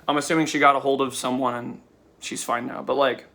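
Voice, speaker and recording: A man's voice: medium pitch, flat delivery, a little fast, pushed and bright. Rambling, candid young man talking to camera. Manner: rambling, candid, swears casually. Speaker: vlogger. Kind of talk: casual monologue to camera.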